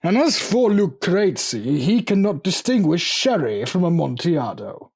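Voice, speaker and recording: A man voicing a drunken, boastful, excitable Italian wine connoisseur in a gothic audiobook tale. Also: high voice, unhurried, breathy edge, pitched above the performer's own voice, exaggerated voice. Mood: scoffing. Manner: exclamatory, boastful, laughing scoffs. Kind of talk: dramatic audiobook character voice.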